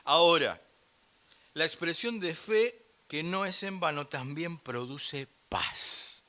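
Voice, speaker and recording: Lively, bright older Argentine preacher. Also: male voice, fairly high pitch, slow pace. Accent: Argentine Spanish. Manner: dramatic shifts from loud emphasis to near-whisper. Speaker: guest preacher. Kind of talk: sermon. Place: church.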